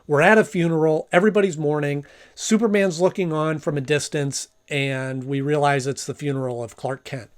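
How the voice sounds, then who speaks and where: A man's voice: on the high side, fairly even intonation, normal speed, hardly any pauses. A man giving a casual, conversational review and recap as a reviewer.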